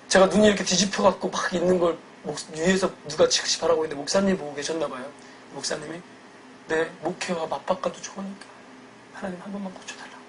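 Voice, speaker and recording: A man, a church deacon, telling his personal faith testimony in an earnest, emotional way, going from hushed to loud. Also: a little high, rough recording.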